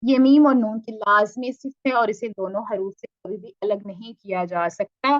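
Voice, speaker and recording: A woman's voice: fairly high pitch, no room sound, dull audio. A woman teaching Tajweed in an online lesson, patiently repeating points and asking checking questions.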